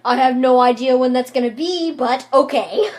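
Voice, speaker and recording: A woman's voice: sits high, normal speed, a crowd in the background. A woman playing a board game in a casual chat, playful and given to theatrical exclamations.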